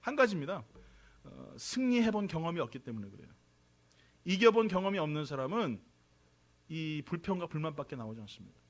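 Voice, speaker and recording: A man's voice: fairly high pitch, big pitch swings, fairly quick, pauses often. A man from Korea preaching a sermon as pastor of his church, chatty and joking, asking the congregation questions. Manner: conversational, jokey, draws responses from congregation. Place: church sanctuary.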